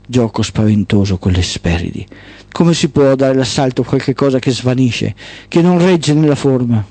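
A man's voice: mid-range voice, expressive, normal speed, mellow, slightly rough, no room sound. A man narrating a dramatic mythic story in the first person, with solemn, rhythmic, repetitive phrasing.

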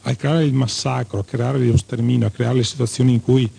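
A man's voice: medium pitch, fairly even intonation, a little fast, vocal fry, mellow. A man co-hosting a radio show, giving opinionated commentary in emphatic, repetitive lists. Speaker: radio co-host.

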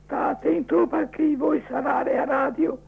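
A male caller on a radio phone-in, heard over the phone line, talking in halting, broken phrases. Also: very high voice, steady tone, gravelly, no echo. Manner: halting, fragmented. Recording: tinny distant phone line.

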